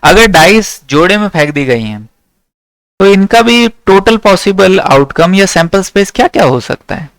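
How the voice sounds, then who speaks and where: Young male maths tutor, smooth clear voice, a little high, dry close sound. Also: sing-song, normal speed, fairly bright tone, no room sound. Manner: checks in with the class often. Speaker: maths teacher. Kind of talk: classroom lecture.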